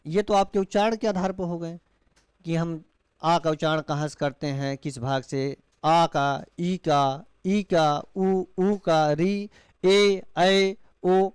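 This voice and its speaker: Male teacher, smooth clear voice, dry sound; slow demonstrations of drawn-out vowels. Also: fairly high pitch, no room sound. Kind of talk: classroom lecture.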